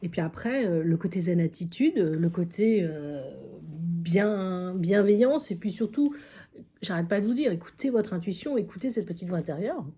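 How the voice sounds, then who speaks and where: A woman's voice: lowish voice, lively intonation, moderate pace, mellow, breathy edge. A woman psychic medium vlogging casually, telling a story with many fillers and repetitions. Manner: chatty, many fillers and repeated phrases. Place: at a friend's country house.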